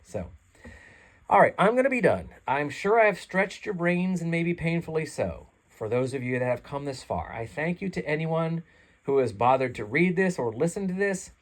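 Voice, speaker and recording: Seated with a home mic that catches some chair rubbing, a man with a stuffy nose reads his own article for his channel. He is earnest, rambling, and self-deprecating, then ends with a casual sign-off, speaking very animatedly at a moderate pace in a slightly high voice.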